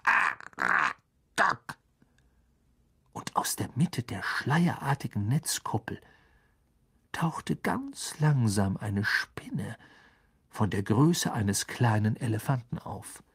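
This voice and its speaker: A man narrating a fantasy audiobook in a measured, dramatic reading style. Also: lowish voice, animated, husky. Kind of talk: scripted narration.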